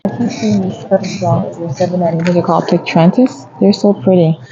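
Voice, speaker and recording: A woman's voice: on the low side, fairly even intonation, brisk, highs cut off, very noisy. A woman gardening vlogger chatting casually as she walks a garden center and reads out plant prices. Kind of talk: casual shopping vlog commentary. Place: garden center of a home improvement store.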